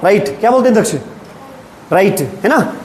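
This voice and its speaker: High-voiced male teacher in echoey classroom. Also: animated, a little mellow. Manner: drills sentences slowly, asks students questions. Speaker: English teacher. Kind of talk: classroom lesson. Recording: echoey classroom with faint room noise.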